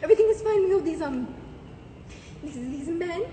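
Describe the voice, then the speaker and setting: A woman's voice: extremely high pitch, expressive, moderate pace, mellow, a little hiss or hum. A young woman performing a desperate young mother, who pleads with officers, stammering and sobbing. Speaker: student performer. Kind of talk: dramatic interpretation monologue. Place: school auditorium stage. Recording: echoey hall from far off.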